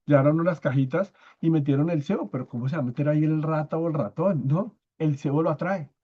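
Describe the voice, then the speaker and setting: In a dull-sounding recording from his own microphone, a man with a fairly high, slightly breathy voice teaches a church Bible study. He explains things step by step, checks in with his audience often, and slowly repeats important words to drive them home.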